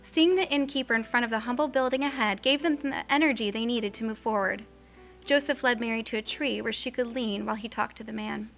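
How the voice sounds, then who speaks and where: A woman narrating a scripted story in an expressive, tender way. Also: on the high side, brisk, creaky. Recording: faint music underneath.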